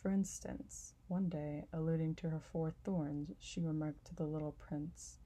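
A woman narrating a classic storybook in a calm, measured reading voice. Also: low voice, low-quality recording. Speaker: audiobook narrator.

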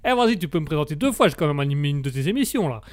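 A man's voice: a little high, very animated, racing, no echo. A man voicing a cocky, rude young man who talks in brash slang.

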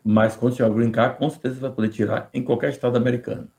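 A man with a Brazilian Portuguese accent answering immigration questions on a live podcast, measured and deliberate, often restarting words. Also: medium pitch, fairly even intonation, gravelly, a little mellow.

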